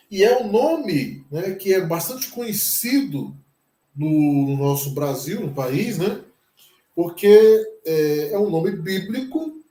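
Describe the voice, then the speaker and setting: Slow, patient Brazilian man teaching. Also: sits high, dark tone, roomy sound. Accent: Brazilian Portuguese. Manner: patient, repeats each word several times. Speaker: pastor teaching Hebrew. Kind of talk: slow classroom lesson.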